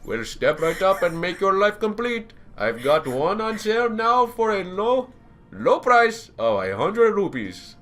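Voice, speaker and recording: A man putting on a pushy high-voiced merchant. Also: big pitch swings, a little slow, faint music behind, exaggerated voice. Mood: hawking. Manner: loud, sing-song sales pitch. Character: pushy male traveling merchant hawking wares.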